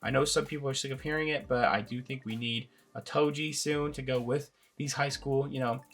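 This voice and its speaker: Hosting his channel's laid-back toy review, this man sounds raspy because of a sinus infection. His mid-range voice moves a little fast as he meanders along, leaning on fillers.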